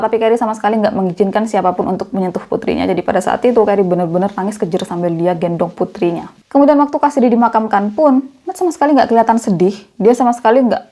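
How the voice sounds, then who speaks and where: A woman's voice: medium pitch, mellow. A young woman narrating a true crime case in a chatty, conversational way, as the channel's storyteller.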